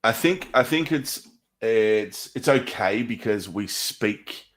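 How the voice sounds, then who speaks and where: A man's voice: fairly low pitch, lively intonation, takes it slowly. A man with an Australian accent co-hosting a live stream, laid-back and joking, often trailing off mid-thought. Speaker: stream co-host. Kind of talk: casual live-stream chat.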